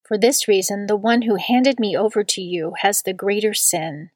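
A woman reading a long scripture passage aloud in a measured liturgical style, slowing down on the quoted words. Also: medium pitch, a little mellow, no room sound. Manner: slow and deliberate on quoted words. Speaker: scripture reader.

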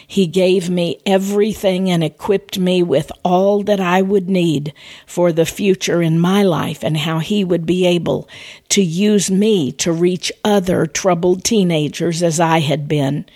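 A woman's voice: lowish voice, a little mellow, dry recording. Earnest woman preaching, dry close sound. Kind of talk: evangelistic testimony and appeal.

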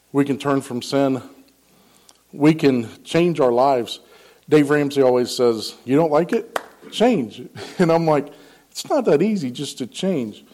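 A man's voice: medium pitch, darkish tone. Earnest rambling man sharing faith. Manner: rambling and earnest, with frequent ums and restarts; acts out quoted dialogue in a raised voice. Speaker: lay speaker sharing a devotional. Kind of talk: casual personal testimony.

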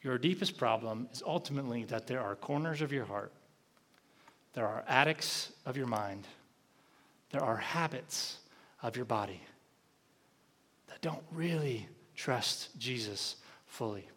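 A man preaching a sermon as pastor, animated, rising in emphasis and dropping soft. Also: mid-range voice, measured pace, long pauses.

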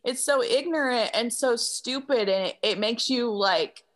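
A woman's voice: a little high, unhurried, a bit bright. A woman talking casually as an interviewer, earnest and emphatic, in long wordy runs peppered with "like". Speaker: interviewer leading the conversation. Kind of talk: casual conversation.

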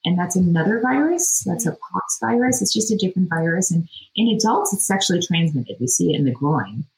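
Low-voiced woman casually explaining as a doctor. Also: expressive, fairly quick, creaky, a little mellow, poor audio. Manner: informal, plain-worded, frequent "you know" and "like". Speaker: dermatologist podcast guest. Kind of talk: casual explanatory interview talk.

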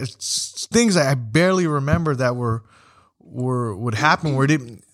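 A man hosting a podcast in casual chat, talking haltingly with many restarts. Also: mid-range voice, fairly bright tone. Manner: halting, full of restarts and fillers. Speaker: podcast host.

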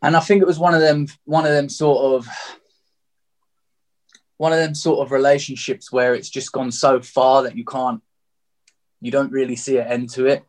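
An interview guest of about thirty from Margate, England, shares his personal story frankly and reflectively in a southeast English accent. His middling-pitched voice has a flat delivery at normal speed, and he pauses often.

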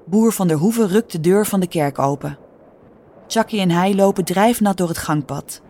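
A woman with a Dutch accent reading a children's story aloud in a calm, clear storytelling manner. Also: on the low side, moderate pace. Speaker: narrator. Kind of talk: scripted storybook narration.

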